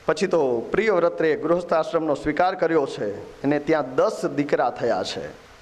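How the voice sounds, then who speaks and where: A man's voice: fairly high pitch, animated, normal speed. A man telling scripture stories in a devotional sermon, voicing the characters in dialogue. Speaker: Bhagavat katha preacher.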